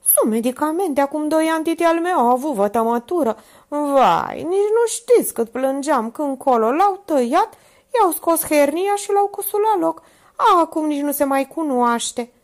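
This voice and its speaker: A shrill, frightened chatterbox who squeals high above an ordinary speaking voice, as a woman reader puts her on. She babbles in breathless exclamations, swinging up and down in pitch, and is plainly an audiobook character. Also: lively intonation, darkish tone. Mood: reassuring. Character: panicky chatty simple woman, easily frightened.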